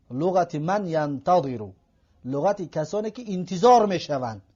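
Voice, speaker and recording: High-voiced man teaching. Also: darkish tone. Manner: patient, repeats examples slowly. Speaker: Arabic grammar teacher. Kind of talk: classroom lecture. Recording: dull lo-fi recording.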